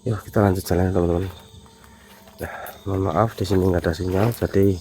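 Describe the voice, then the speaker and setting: A man recording a mystery vlog outdoors, talking to his viewers as friends and breaking into loud, commanding confrontations and rapid prayers. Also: deep voice, fairly even intonation, a little hiss or hum. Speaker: mystery vlogger. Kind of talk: first-person narration while walking.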